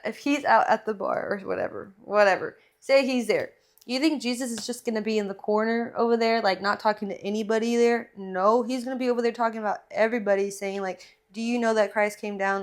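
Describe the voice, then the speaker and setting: Female podcast co-host, medium-pitched, earnest and conversational on faith, pronounces R as W. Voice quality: trouble pronouncing R's, says w for r. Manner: earnest, impassioned, heavy use of "like". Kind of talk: casual faith discussion.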